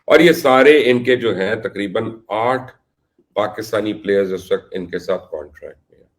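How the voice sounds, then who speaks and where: Man, lowish voice, middle-aged, from Pakistan, vlog host, emphatic, accusatory. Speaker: cricket commentary vlogger. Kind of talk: investigative commentary vlog.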